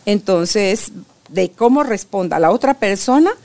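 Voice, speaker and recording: Sharing advice about relationships with her granddaughter, an older woman talks in an emphatic, animated storytelling way during a casual interview. She speaks unhurriedly, at a medium pitch.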